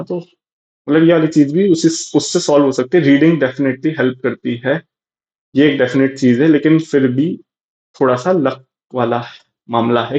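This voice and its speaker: A man's voice: medium pitch, darkish tone. A young man giving casual, rambling exam advice, full of fillers and restarts. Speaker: exam prep youtuber. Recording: slightly dull lo-fi audio.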